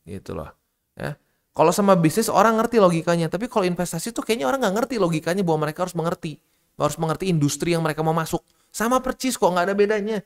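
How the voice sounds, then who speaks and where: Host, male, slightly high voice, blunt and scolding, casual slang. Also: gravelly. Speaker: crypto channel host. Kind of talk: casual market commentary.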